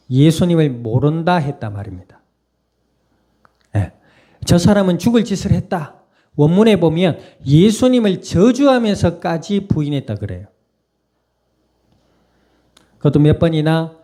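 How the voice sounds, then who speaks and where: A man's voice: on the high side, lively intonation, normal speed, warm tone. A male pastor, preaching in a conversational way and often putting questions to the congregation. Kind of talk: sermon.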